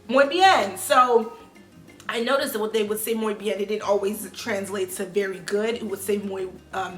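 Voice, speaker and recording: Animated, slangy young woman vlogging. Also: mid-range voice. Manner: animated, slangy, swings between loud bursts and trailing quiet asides. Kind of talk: casual talk to camera. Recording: echoey room with faint music.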